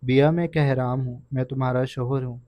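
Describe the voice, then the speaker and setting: A man voicing a possessive husband who coaxes gently and then gives stern orders, in a dry, dull recording. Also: medium pitch, steady tone, dry recording, close to an everyday voice. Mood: pleading.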